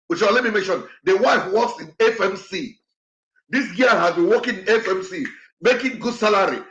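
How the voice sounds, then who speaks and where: Impassioned man, high voice. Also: fairly bright tone, roomy sound, muffled recording. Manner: impassioned, repetitive, halting when upset. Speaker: show host. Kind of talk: emotional commentary to an online audience.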